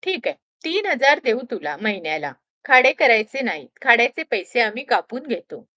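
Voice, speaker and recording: A woman's voice: fairly high pitch, sing-song, moderate pace, sharp tone. A woman voicing a middle-aged shop owner who asks short, businesslike questions. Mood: curt.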